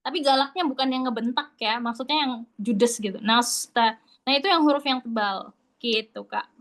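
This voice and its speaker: With a high, slightly bright voice and a somewhat quick pace, a woman leads an online Quran recitation class. She explains patiently and chattily, pronouncing letters aloud to demonstrate.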